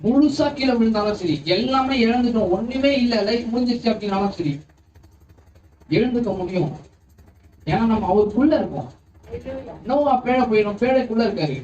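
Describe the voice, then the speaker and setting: A man's voice: very high-pitched, lively intonation, fairly quick, long pauses, a little mellow, roomy sound, far from the mic, highs cut off, slight background noise. A man preaching a sermon as pastor, often stopping to ask the congregation whether they understand.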